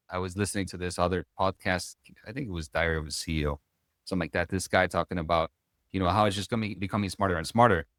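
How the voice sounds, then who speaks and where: Low-voiced male podcast host, dry. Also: dry recording. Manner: friendly, chatty questions with rambling asides. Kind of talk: casual podcast interview.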